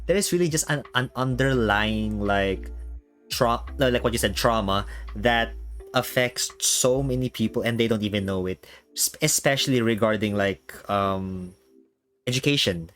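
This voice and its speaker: A man chatting casually as a streaming show host, haltingly, often repeating words as he thinks. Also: on the low side, a bit bright. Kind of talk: casual chat. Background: background music.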